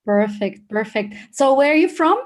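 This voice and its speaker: Brief: female host of a video call, slightly high voice, encouraging and thankful. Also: lively intonation, moderate pace. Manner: friendly, encouraging, thanks each speaker.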